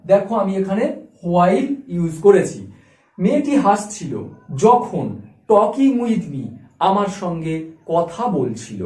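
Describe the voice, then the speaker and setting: A man with a high, animated voice teaches an English grammar lesson. He explains patiently, repeating key words and spelling them out letter by letter. The room around him rings with echo.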